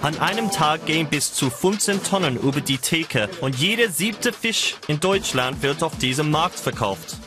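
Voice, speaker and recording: Higher-pitched male reporter narrating over music. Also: expressive, normal speed, hardly any pauses. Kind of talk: first-person scripted travel report narration with voice-over translation.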